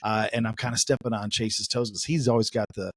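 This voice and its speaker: A man's voice: on the low side, fairly even intonation, a little fast, no echo, clean studio sound. A man co-hosting an interview podcast in the United States, talking in an upbeat, rambling way with many fillers. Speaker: podcast co-host. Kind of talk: casual interview chat.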